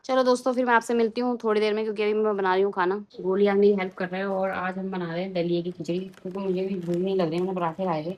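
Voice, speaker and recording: A woman's voice: medium pitch, flat delivery, very fast, hardly any pauses, a little mellow. A young woman from Uttarakhand, India, chatting casually in a home vlog and now and then scolding her small son. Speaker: vlogger. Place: home, indoors.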